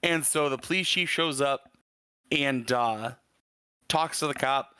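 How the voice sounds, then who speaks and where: A man's voice: medium pitch, takes it slowly, bright, forceful tone, clear, resonant tone, no room sound. A man from Michigan, a podcast guest, telling a story in a rambling way with lots of fillers and casual swearing. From Michigan, USA.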